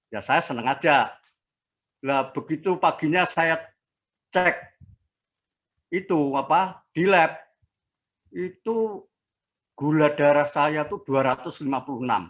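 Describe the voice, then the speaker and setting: A man in his sixties giving a casual personal testimony as an interviewee, speaking haltingly with fillers and restarts. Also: mid-range voice, fairly bright tone. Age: 60s. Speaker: interviewee sharing a health testimony.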